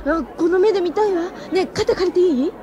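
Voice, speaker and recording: A high, eager schoolgirl detective. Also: brisk, a crowd in the background. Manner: pleading, breathless, stammering. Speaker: lead actress and narrator. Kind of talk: radio drama acting.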